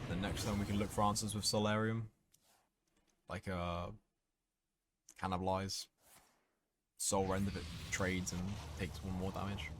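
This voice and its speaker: A man with a fairly low voice gives casual gameplay commentary, thinking through each choice aloud. He is wry and swears freely. Faint game noise sits behind him. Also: fairly bright tone. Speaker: gaming content creator playing a card game.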